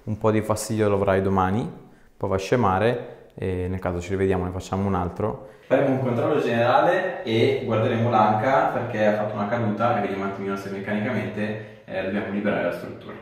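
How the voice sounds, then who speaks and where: A low-voiced man speaks quickly in the role of a chiropractor, giving concise, direct, reassuring instructions during a hands-on exam along with casual explanation. The recording is from a small indoor treatment room with echo.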